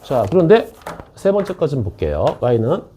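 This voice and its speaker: A man's voice: medium pitch, huge pitch swings, measured pace, warm tone, slight background noise. A male math teacher giving a classroom lecture, chatty and joking with his students and often checking they follow.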